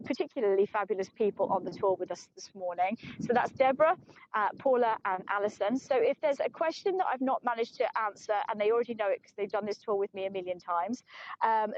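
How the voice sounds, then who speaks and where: A mid-range, darkish voice with no echo belongs to a tour guide, a middle-aged woman from England, leading a live walking tour outdoors on an open plateau. Tired but chatty, she mocks herself and laughs often. The recording is a dull, lo-fi stream from her phone.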